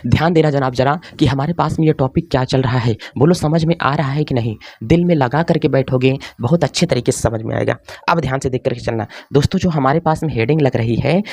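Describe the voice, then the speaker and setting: A man's voice: medium pitch, a little mellow, dry recording. A man with a north Indian Hindi accent teaching a chemistry class at the board, chatty and coaxing, often repeating his questions to the students.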